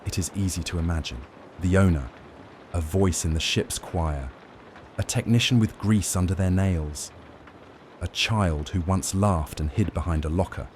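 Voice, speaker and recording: A man with a very low, dark and mellow voice narrates a sleep story. His delivery is gentle, measured and soothing, lulling the listener along. A faint ambient noise sits behind the voice. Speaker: narrator of bedtime lore stories.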